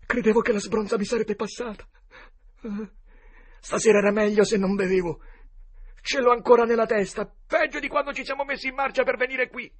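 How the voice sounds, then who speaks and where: A frightened drunk , played by a man reading a story, stammers in a high, wobbly, panicky voice. Beneath it sits a husky, breathy tone. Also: steady tone, fairly quick. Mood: panicked. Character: frightened, befuddled drunk middle-aged man.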